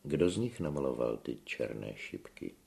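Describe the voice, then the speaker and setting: A man reading the lines of an earnest young man who speaks in a measured, reasoning way. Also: rumbling low, sing-song, vocal fry, darkish tone, voice pushed down, full character voice. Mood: persuasive.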